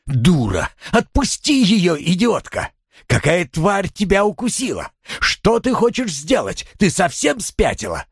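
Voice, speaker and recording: A man voicing a furious, forceful husband who shouts harsh orders and insults in a storybook reading. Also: medium pitch, sing-song, unhurried, husky, dry recording, studio quality. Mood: angry.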